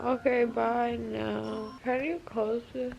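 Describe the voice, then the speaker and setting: A woman's voice: fairly high pitch, level tone, gravelly, muffled recording, over music. Groggy woman just out of anesthesia. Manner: slow, hesitant, groggy speech. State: groggy from anesthesia, numb lips. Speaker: vlogger. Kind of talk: casual chat.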